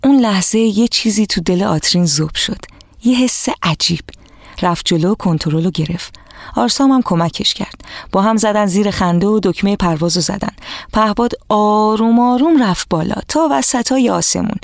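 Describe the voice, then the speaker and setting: A woman narrating a storybook for children, lively and expressive, speaking to the young listeners directly. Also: medium pitch, creaky, no room sound.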